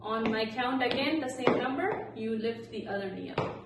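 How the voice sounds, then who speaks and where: A woman's voice: a little high, moderate pace. A woman leading exercise as an aerobics instructor, cueing and counting out moves with short, encouraging instructions. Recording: echoey, noisy room, distant microphone.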